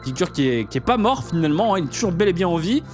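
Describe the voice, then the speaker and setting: A man's voice: high-pitched, very animated, fast, over music. A man giving casual commentary on a game, explaining things to the viewer in informal, slangy language. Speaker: gaming video host.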